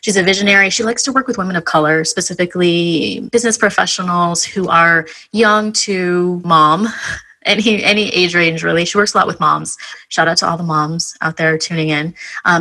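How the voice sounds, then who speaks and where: Bright-voiced upbeat woman hosting a podcast. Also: on the low side, low-quality recording. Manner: upbeat, chatty, with fillers like "like". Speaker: podcast host. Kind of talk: casual interview chat.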